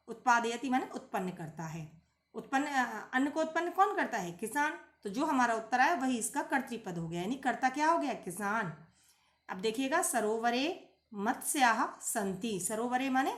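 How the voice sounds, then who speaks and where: A woman leads a classroom-style lesson, methodically posing questions and then answering them herself. Her voice sits a little high. She slows down to recite word forms one by one, and the recording has a noticeable room echo. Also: a bit bright. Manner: recites Sanskrit word forms slowly and deliberately. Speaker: Sanskrit teacher. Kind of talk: classroom lesson explaining a textbook.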